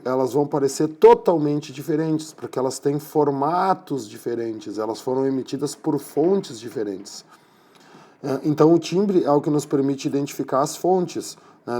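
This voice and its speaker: A man's voice: mid-range voice, warm tone. A man giving a classroom physics lecture, explaining patiently and checking in with his students after nearly every point. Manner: explanatory, repeats tags like "tá?" and "né?". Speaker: physics teacher.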